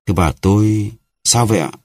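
A man's voice: fairly low pitch, brisk, darkish tone, no echo, clean studio sound, voice pushed up. A man voicing a vain, boastful musketeer who talks haughtily and acts offended. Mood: haughty.

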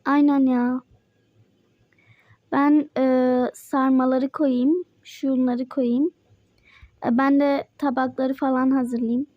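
Here a young female player voices Mike in a Toca Life role-play, trading quick, playful lines in casual chat. Her pitch is high but her delivery is flat, and the recording has no echo, with the highs cut off.

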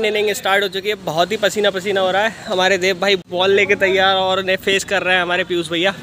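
Excitable young man calling cricket. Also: sits high, fast, crowd noise. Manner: loud, excitable, shouting calls. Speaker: vlogger and player-commentator. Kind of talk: excited live cricket commentary. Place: outdoor turf cricket net. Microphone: handheld phone camera.

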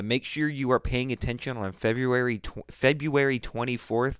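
Young male vlogger, mid pitch, dry recording, halting and filler-heavy delivery. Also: a bit bright, clean tone, no room sound. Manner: halting, many "uh" fillers and restarts. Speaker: gaming video host. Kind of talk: casual video update.

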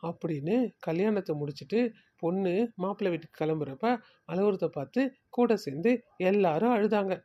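A woman narrates a homespun puppet-show story, plain and steady, with a mellow, warm tone. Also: fairly low pitch, brisk, highs cut off.

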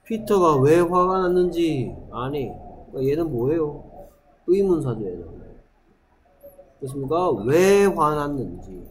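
Male teacher, slightly high voice, lively call-and-answer lesson style, faint room hum. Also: rough recording. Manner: lively, questions students and answers himself; reads English sentences slowly. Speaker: English teacher. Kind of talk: classroom grammar lesson. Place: classroom.

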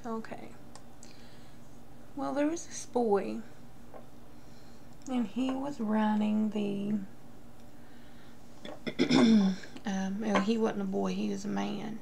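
A woman in her thirties telling a casual, confessional story to camera in a gossipy, rambling way with halting tangents. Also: medium pitch, fairly even intonation, gravelly, dark tone, a little hiss or hum. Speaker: vlogger. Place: small room at home, indoors.

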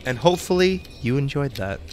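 A young man with a medium-pitched voice and big pitch swings chats briskly over soft background music while streaming a game from home. Swearing and laughing, he reads the on-screen text aloud.

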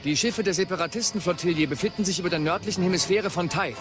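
A man acts a seasoned, dryly wry wingman in a German audio drama. He talks fast in a raised, alert voice. Music and engine noise are loud behind him. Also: high voice, close to an everyday voice. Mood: focused, wry.

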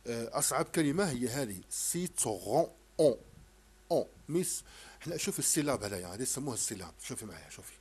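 A middle-aged man with an Algerian accent tutoring a child in French sounds, repeating each syllable slowly and firmly. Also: medium pitch, big pitch swings, darkish tone, slightly rough. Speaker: teacher. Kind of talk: home French phonics lesson explained in Arabic.

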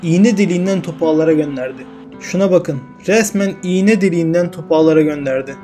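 A young man with a high voice commentates his football video game into a desk mic, swinging from calm narration to excited shouts and frustrated grumbling. Faint game music runs quietly underneath. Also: a little fast. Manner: emotional, swings from calm commentary to yelling at goals and cursing misses. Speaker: gaming YouTuber.

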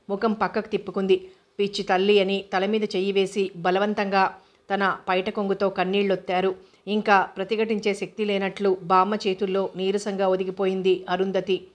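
Flat, steady woman reading a novel. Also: medium pitch. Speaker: narrator.

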